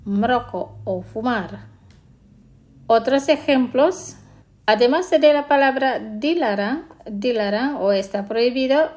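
Woman as radio lesson presenter; higher voice, deliberately slow, says each word twice for listeners to repeat. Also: a little mellow.

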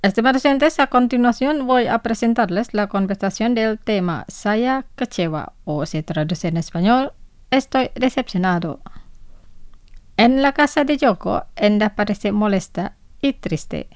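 Woman radio tutor, slow and formal, repeats words twice, dry close sound. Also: on the high side, animated, no room sound. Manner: formal, says each word twice for repeating. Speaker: radio language-lesson presenter. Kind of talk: scripted radio lesson.

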